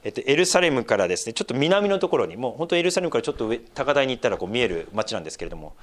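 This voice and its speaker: A male pastor preaching in a church, reading scripture aloud and breaking into animated, lively asides. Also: mid-range voice, racing.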